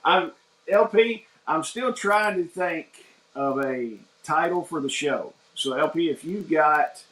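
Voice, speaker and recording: An American man in his 40s hosts a casual morning livestream from an echoey room, rambling in a folksy way, greeting viewers by name and reading their comments aloud. His voice is fairly high and fairly bright, and he takes it slowly.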